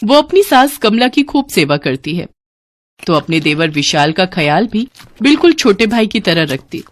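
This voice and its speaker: A woman reading scripted narration for a cartoon moral story in a clear, expressive storyteller manner. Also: medium pitch, normal speed. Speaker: narrator and voice of female figures.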